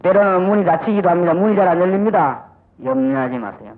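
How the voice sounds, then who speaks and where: A man's voice: high-pitched, fast. An older man preaching a sermon as pastor, with a Gyeongsang accent and emphatic delivery, acting out little dialogues. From Busan, South Korea. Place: church sanctuary. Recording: dull old audio recording.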